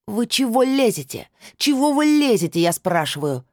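A woman's voice: mid-range voice, huge pitch swings, normal speed, darkish tone, no echo, studio quality, voice pushed up. A woman voicing a brash, rude middle-aged woman who shrieks and then turns fawning. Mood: shouting.

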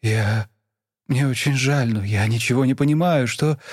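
A man voicing a bewildered, frightened mother who pleads haltingly with her daughter in an audiobook. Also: medium pitch, darkish tone, dry recording, studio quality, lightly acted.

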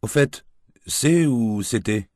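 A man's voice: medium pitch, lively intonation, slow pace, a little mellow, dry recording, clean studio sound, pitched above the performer's own voice. A man reading the part of a tipsy, crude, washed-up gigolo who rambles in coarse slang and whines. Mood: sneering. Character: washed-up male gigolo, crude, drunk, self-pitying.

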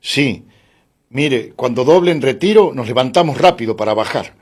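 A man's voice: medium pitch, lively intonation, moderate pace, natural voice. A man reading a tense, protective young passenger who speaks insistently.

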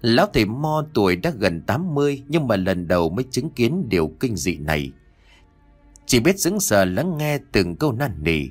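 Low-voiced man narrating a horror story. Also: normal speed, faint music behind. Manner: dramatic, expressive reading.

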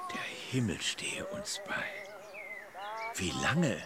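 An actor in a comic radio play as a dry, stingy older country gentleman, ponderous and grumbling. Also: medium pitch, huge pitch swings, slow pace. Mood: weary, grudging. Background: music behind.

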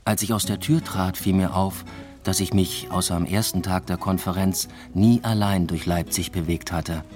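Over music, a man speaks in a low, steady voice at moderate pace, close to how he'd sound in everyday talk. As the first-person narrator and lead actor of a literary radio drama, he portrays a secretive, restless lover through intimate narration and dialogue. His manner is understated and matter-of-fact, with a reflective, subdued mood.

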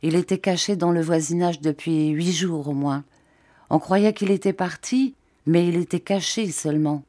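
Audiobook: earnest young fisherman in grief, read by a woman; low, mellow voice. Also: no room sound, clean studio sound, natural voice. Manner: earnest, halting.

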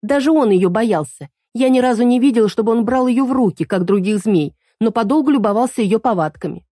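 A woman's voice: on the high side, animated, brisk, warm tone, dry recording, studio quality, voice pushed up. A woman voicing a capricious, scheming young princess with a whiny, petulant manner. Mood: anxious.

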